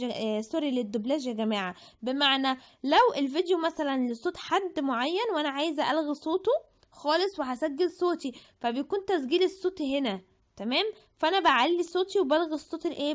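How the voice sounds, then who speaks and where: A woman with an Egyptian Arabic accent presents a chatty, screen-recorded app tutorial, thinking aloud and restarting her words. Her voice is high-pitched, lively in intonation and fast, on dull lo-fi audio.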